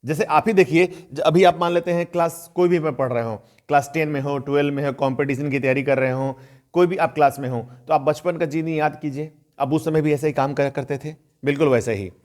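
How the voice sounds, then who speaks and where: Man, teacher, higher-pitched voice, conversational explaining, slow careful example sentences. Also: steady tone, a little mellow. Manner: conversational, addresses viewers as friends; reads English examples slowly and deliberately. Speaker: English teacher. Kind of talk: explanatory online lesson.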